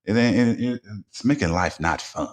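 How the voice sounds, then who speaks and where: A man's voice: fairly low pitch, expressive, normal speed. A man hosting a casual talk radio show, blunt and informal, rambling with frequent restarts and repeated words.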